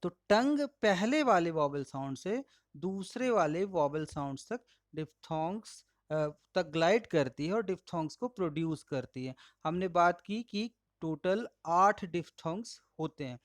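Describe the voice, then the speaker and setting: Slow, patient male Hindi-speaking teacher. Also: sits high, lively intonation, dry recording, clean studio sound. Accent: Indian English. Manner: slow, patient, models each word aloud. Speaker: English pronunciation teacher. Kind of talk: slide-based lesson.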